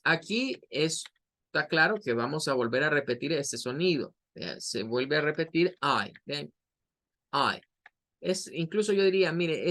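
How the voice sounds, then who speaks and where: A man with a Latin American Spanish accent teaching a recorded online English lesson, patiently explaining and repeating words slowly for practice. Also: fairly high pitch, a bit bright.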